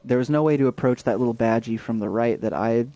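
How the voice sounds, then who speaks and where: A man's voice: medium pitch, fast talker, mellow. Rambling young man streaming a game. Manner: rambling, many fillers and restarts. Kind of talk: casual let's-play chat.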